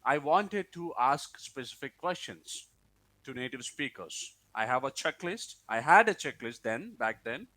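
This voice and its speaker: A man's voice: medium pitch, animated, a little slow, pushed and bright. A man who is not a native English speaker, answering interview questions in a hesitant way with restarts.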